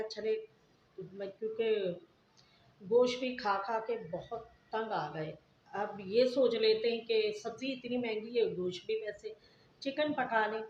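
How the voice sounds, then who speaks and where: A woman's voice: mid-range voice, darkish tone, slight background noise. A middle-aged woman vlogger telling a family story to her viewers in a casual, earnest, moralizing way. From Pakistan. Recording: echoey, dull lo-fi home recording.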